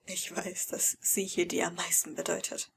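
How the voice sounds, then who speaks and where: A woman voicing a cold young man in a whispered role-play, speaking in a hushed, low whisper. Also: steady tone, slow, vocal fry, slight background noise. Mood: menacing.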